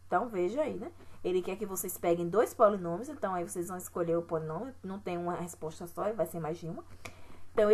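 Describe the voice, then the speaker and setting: A woman math teacher with a Brazilian accent, walking students through an exercise sheet step by step and often checking in with "right?". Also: mid-range voice. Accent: Brazilian Portuguese. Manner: patient, repeats "certo?" and "né?" to check understanding. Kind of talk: recorded online lesson explaining an exercise sheet.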